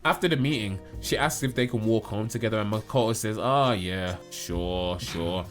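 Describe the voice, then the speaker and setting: A man's voice: lowish voice, normal speed, faint music behind. Laid-back man recapping in slang. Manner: slangy storytelling, acts out characters' lines. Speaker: host recapping a show. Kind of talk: casual chat.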